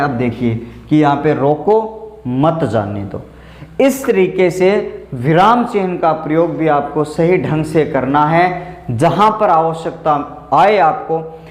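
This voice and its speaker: A man teaching a grammar lesson for an exam, explaining step by step and repeating the example phrases while he asks and answers his own questions. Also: on the high side. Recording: roomy echo.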